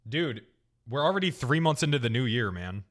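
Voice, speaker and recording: A streamer in his thirties chats casually on a game stream, rambling through stories while swearing and laughing a lot. His medium-pitched voice is very animated and fairly quick.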